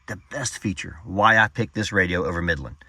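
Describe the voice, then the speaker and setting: A low-pitched man talks through a casual product review. He is informal and folksy, rambling along as if chatting with fellow hobbyists. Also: animated, fairly quick, pushed and bright, no room sound, studio quality.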